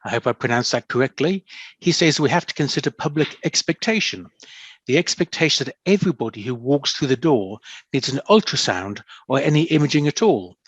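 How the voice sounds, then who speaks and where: A man's voice: medium pitch, animated, slightly rough, no room sound. A man moderating a panel debate over a video call, politely reading out audience questions and inviting panelists. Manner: polite, measured, reads questions out. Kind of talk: chairing a panel Q&A. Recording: dull, dry lo-fi call audio.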